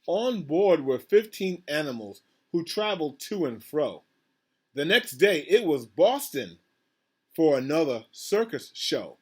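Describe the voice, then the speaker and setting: Encouraging principal reading to children. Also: male voice, fairly high pitch, big pitch swings, measured pace, husky. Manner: encouraging, asks the children questions about the pictures. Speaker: school principal. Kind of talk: reading a picture book aloud to children. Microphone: video call.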